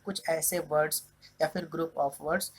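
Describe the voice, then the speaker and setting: A man's voice: fairly high pitch, slow pace, husky, poor audio. A male math teacher giving a board lesson, explaining each point step by step and often checking in with the class. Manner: steady explaining, keeps checking in with "okay". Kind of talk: whiteboard lesson.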